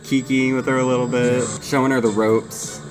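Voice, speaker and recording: A man hosting a reaction show, chatting casually in an excitable way and swearing freely. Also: mid-range voice, normal speed, music in the background.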